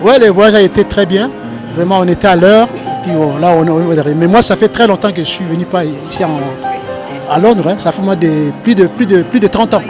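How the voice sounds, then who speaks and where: A middle-aged man, a musician, answering interview questions in a halting way and often repeating his words. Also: high voice, music in the background. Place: busy train station.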